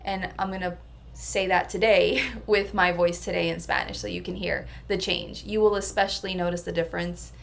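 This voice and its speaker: A woman's voice: lowish voice, steady tone, normal speed, vocal fry, slight background noise. A woman personal transformation coach talking through a casual vlog monologue in an earnest, reflective way. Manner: earnest and reflective, level delivery.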